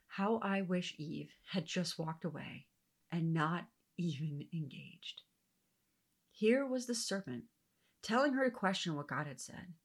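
Woman Bible teacher, earnest and reflective, lively pitch, occasional soft whispered asides.

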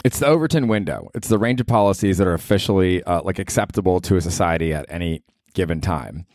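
A man's voice: sits low, fast, darkish tone, no echo, studio quality. An American man hosting a solo comedy podcast in casual chat, profane, rambling and self-mocking. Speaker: podcast host.

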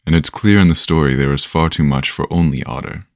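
A man voicing an older castaway storyteller who teases and lectures in an unhurried, knowing way. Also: rumbling low, no room sound, studio quality. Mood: wry. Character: older wry storyteller, patient and teasing.

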